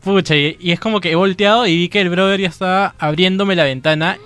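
A young man with a Peruvian accent talks quickly in a slightly high voice. He steers the casual chat with easygoing slang and asks his friends questions. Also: clean tone. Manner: relaxed slangy talk, "pucha", "brother".

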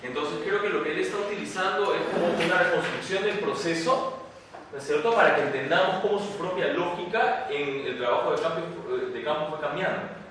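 Lecturer, male, slightly high voice, heard from afar in a roomy classroom. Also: a little fast, noisy background. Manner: conversational, rhetorical tag questions. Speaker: university lecturer. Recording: echoey room, distant mic.

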